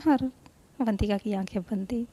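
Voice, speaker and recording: A woman's voice: medium pitch, moderate pace, mellow, slightly rough. A woman narrating a spoken love story in a plain, conversational way.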